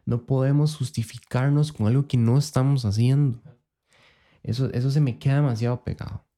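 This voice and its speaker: Young man, Costa Rican accent, mid-pitched, warm mellow tone, relaxed reflective podcast talk. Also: brisk. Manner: reflective, laid-back slang, asks rhetorical questions. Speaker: podcast co-host. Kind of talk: casual faith podcast chat.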